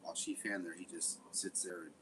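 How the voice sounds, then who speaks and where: Deep-voiced man rambling over gameplay. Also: steady tone, fairly quick, noisy background. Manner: rambling, profane, swearing often. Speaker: game streamer. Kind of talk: casual gameplay commentary.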